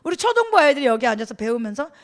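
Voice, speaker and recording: A middle-aged woman pastor delivers a sermon in a bright, high voice. She keeps it conversational, turning to the congregation with questions and laughing easily. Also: very animated, rapid-fire.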